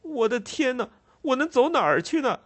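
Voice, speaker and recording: A man's voice: sing-song, moderate pace, a bit bright, heavily acted. A sobbing, desperate ragged boy. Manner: pleading, breathless, cracking high voice. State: crying.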